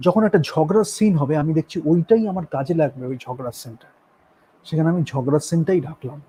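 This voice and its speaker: A man speaks in a reflective, coaching tone. His voice sits a little high and sounds husky. He stretches his English phrases out slowly and moves faster through his ones. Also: mellow, low-quality recording. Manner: shifts freely between slow, drawn-out English phrases and quick Bengali. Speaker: acting and voice coach. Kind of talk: reflective talk mixing Bengali and English.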